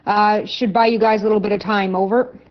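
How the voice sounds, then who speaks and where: A woman dispatching a truck convoy over CB walkie-talkie radio, giving clear, methodical directions and ending each call with "over.". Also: mid-range voice, steady tone, a little fast. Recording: lo-fi radio transmission.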